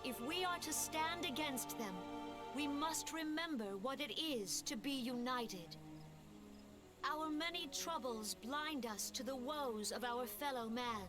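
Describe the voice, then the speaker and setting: A woman voicing a solemn elder leader giving a formal memorial speech in a game cutscene, measured and grand. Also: high voice.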